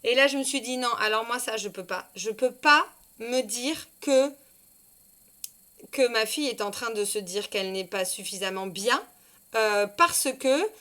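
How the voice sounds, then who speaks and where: A woman in her thirties with a fairly high voice tells a personal story to camera. She talks with feeling and hesitates often, filling gaps and restarting her sentences as she goes. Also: bright, forceful tone. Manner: emotional, hesitant storytelling with many fillers and restarts. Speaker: parenting consultant.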